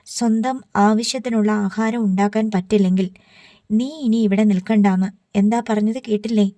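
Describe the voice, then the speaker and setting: A woman's voice: medium pitch, steady tone, normal speed, no room sound, close to an everyday voice. A woman reading the lines of an angry middle-aged father who scolds his daughter. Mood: stern. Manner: scolding, forceful.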